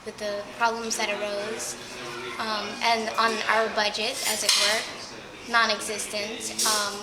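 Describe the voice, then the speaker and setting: A woman from New York being interviewed, speaking in a measured, thoughtful way. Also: medium pitch, flat delivery. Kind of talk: casual interview. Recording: echoey room, party noise with dishes.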